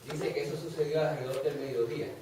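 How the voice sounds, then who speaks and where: A man's voice: fairly high pitch, flat delivery, quick pace. Man explaining scripture in echoey hall. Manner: explanatory, adds background detail. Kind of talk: Bible study teaching. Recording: echoey hall, distant mic, audible hiss.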